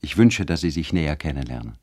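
A man voicing a reserved, gentle young woman who speaks in an earnest way. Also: extremely low pitch, lively intonation, fast talker.

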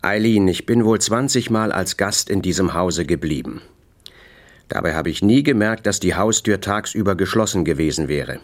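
A man doing a cold, calm interrogator. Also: deep voice, moderate pace. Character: cold, calm middle-aged publisher man.

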